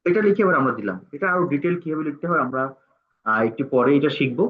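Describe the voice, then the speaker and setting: This screen-recorded tutorial comes through with a tinny, phone-like quality. The male instructor's voice is fairly high and expressive, and he speaks haltingly, saying each word aloud as he types it.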